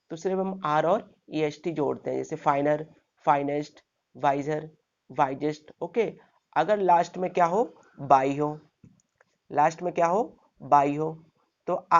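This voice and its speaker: A man's voice: fairly high pitch, dull audio. A man teaching a grammar lesson step by step, asking his class rhetorical questions and checking in with "okay" after each point.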